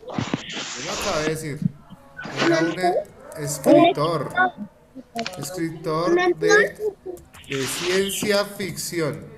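A man's voice: sits high, huge pitch swings, over a noisy crowd. A man teaching an online class, patiently repeating each step for children. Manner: patient, repeats steps slowly, coaxing.

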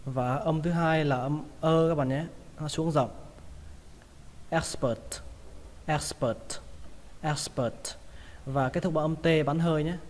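A man with a Vietnamese accent teaching English vocabulary, repeating each word slowly several times to model its pronunciation. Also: on the high side, fairly even intonation, a little mellow, in a large hall, slight background noise. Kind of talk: pronunciation lesson.

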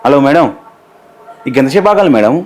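An actor playing a defensive young husband with a Telangana Telugu accent, complaining and impatient. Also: male voice, a little high, animated, brisk, a little mellow, natural voice. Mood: grumbling.

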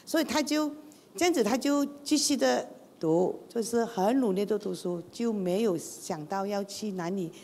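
A middle-aged woman tells her life story as a church testimony, in a chatty way full of rhetorical questions. Her voice has a gravelly edge. Her words ring out with a long reverb in a church hall. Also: medium pitch, moderate pace, a little mellow, slight background noise. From Malaysia. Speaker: guest speaker.

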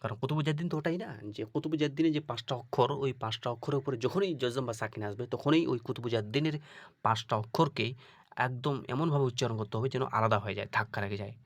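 A man's voice: mid-range voice, rapid-fire, dry recording. Patient man teaching Quran reading. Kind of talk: online recitation lesson.

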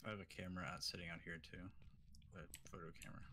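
A man's voice: deep voice, level tone, quick pace, noisy background. A man playing a ghost-hunting game with a friend, chatting in a dry, easygoing, teasing way. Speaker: co-player. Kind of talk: casual gameplay chat over voice call.

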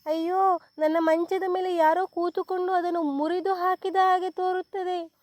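A woman voicing a small bear cub who cries out in a high, tearful voice in a storybook reading. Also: steady tone, a little slow, darkish tone, no echo. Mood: wailing. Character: little bear cub, wailing and upset.

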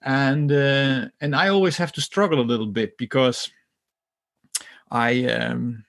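A man's voice: medium pitch, fairly even intonation, measured pace, vocal fry, fairly bright tone. A middle-aged man raised in the Netherlands and Germany, speaking as a podcast guest in a thoughtful, hesitant way with many fillers and restarts. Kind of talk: conversational interview.

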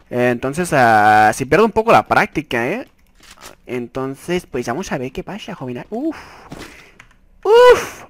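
A young man with a Mexican accent commentating his own Free Fire gameplay. He swings between low muttering and sudden excited yells. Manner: excitable, shouts and yelps at big moments, mutters low while looting. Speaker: gaming YouTuber.

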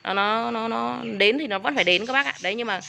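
A woman's voice: fairly high pitch, quick pace, creaky, bright, forceful tone, slight background noise. A woman selling orchids on camera, talking to her viewers in an indignant, repetitive way and calling them respectfully as elders. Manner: indignant, repeats herself, addresses viewers as elders. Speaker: orchid seller. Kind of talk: casual sales video talk to viewers.

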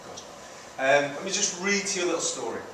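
A middle-aged charity founder with roots in Manchester, England, and in Italy gives an informal presentation, his slightly high, sharp voice animated and a touch quick as he leans on rhetorical questions and emphatic repeated phrases. He's picked up by a distant camera at the back of an indoor community centre meeting room, so the audio is very echoey and noisy.

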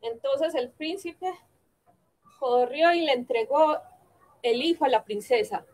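A woman narrates a fairy tale at a slow, unhurried pace. Her voice sits high. She halts and corrects herself now and then as she tells the story. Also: a little mellow, rough recording. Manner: halting, with frequent self-corrections.

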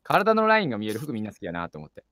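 Male radio co-host. Quick and animated, reads fan mail playfully. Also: mid-range voice, dry recording, clean studio sound. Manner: playful, lively reading of a fan letter. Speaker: radio show host reading listener letters. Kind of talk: casual radio banter.

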